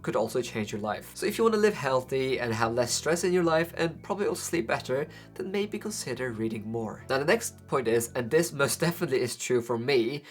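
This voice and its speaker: On his book channel, a young Faroese-speaking man with a Faroese accent addresses the camera about books in a medium pitch. Rhetorical questions come up often in his conversational delivery.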